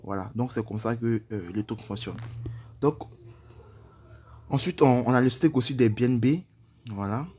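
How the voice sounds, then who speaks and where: A man's voice: medium pitch, normal speed, long pauses, darkish tone. A man casually walking through an app tutorial step by step, hesitant and repeating himself with frequent fillers. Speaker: crypto tutorial presenter.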